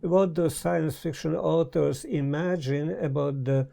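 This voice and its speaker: Slow, gravelly older man with a Hungarian accent. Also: a little high, fairly even intonation, dark tone. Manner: thoughtful, halting, with many pauses and fillers. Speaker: guest. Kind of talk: casual conversation. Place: study lined with bookshelves, indoors. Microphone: lapel mic.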